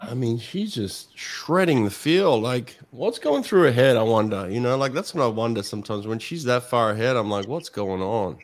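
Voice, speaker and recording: A man's voice: medium pitch, lively intonation, moderate pace, few pauses. Chill guy hosting a live stream, chatty and upbeat, video call feel. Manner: laid-back, upbeat, calls guests champ and mate. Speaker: host. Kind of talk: casual live-stream chat.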